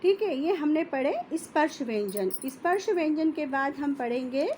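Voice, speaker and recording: A woman teacher giving a classroom language lesson, speaking slowly and carefully and repeating each sound so pupils can copy it. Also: sits high, lively intonation, a little mellow, slight background noise. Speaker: Hindi teacher.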